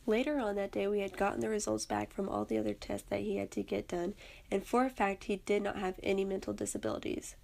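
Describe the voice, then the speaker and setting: A woman's voice: medium pitch, animated, quick pace, creaky, a little mellow. A young woman earnestly reading aloud a personal story she wrote as a student. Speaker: student narrator.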